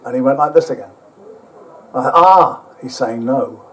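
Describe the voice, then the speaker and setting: A man's voice: mid-range voice, a little slow, fairly bright tone, rough recording. A man telling a rambling, self-mocking travel story to a live audience, with casual swearing. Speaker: speaker at an overland motorbike event.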